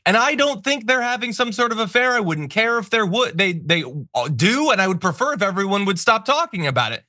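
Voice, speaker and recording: A man's voice: high voice, sing-song, fairly quick, bright, forceful tone, no echo, studio quality. A man hosting a political talk show, delivering opinionated commentary in an indignant, sarcastic and emphatic way.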